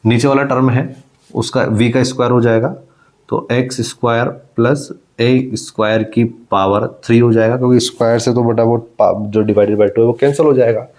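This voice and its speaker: A man's voice: mid-range voice, fairly even intonation, moderate pace, darkish tone. A man teaching a physics lecture, working through a problem step by step and calling his students "child" as he goes, with English math terms mixed into his speech. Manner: repeats key phrases for emphasis. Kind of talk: exam-prep blackboard lecture.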